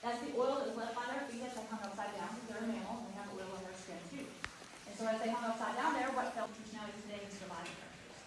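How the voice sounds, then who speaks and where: A woman's voice: on the high side, quick pace. A woman guiding a group through a cave in a folksy, questioning way, her voice echoing off the rock. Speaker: cave tour guide. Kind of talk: guided tour talk to a group. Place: inside a cave. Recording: echoing cave, distant mic, clear noise.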